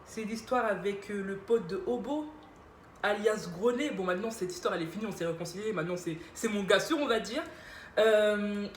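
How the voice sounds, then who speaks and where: Casual YouTuber, young woman, playful and chatty, roomy echo, faint hum behind. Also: mid-range voice. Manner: chatty, playful, self-mocking. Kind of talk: casual Q&A vlog. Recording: echoey room with faint ambience.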